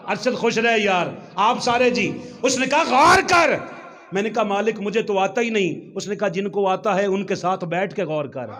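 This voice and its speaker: A man preaching a Friday sermon in a mosque. He acts out the voices he quotes and rises to shouts at times. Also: high-pitched.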